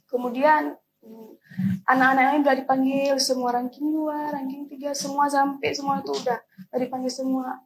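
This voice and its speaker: A woman's voice: high-pitched, little pitch movement, normal speed, poor audio. A teenage girl, telling an emotional personal story to an interviewer in earnest, tearful tones. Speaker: interviewee, student.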